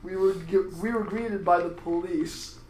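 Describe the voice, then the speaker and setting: A man's voice: sits high, fairly even intonation, measured pace, a little mellow. Laughing man reading a silly story. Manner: breaks into laughter while reading. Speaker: podcast host reading a story aloud. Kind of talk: comedic read-aloud with frequent laughter. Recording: echoey room, faint ambient noise.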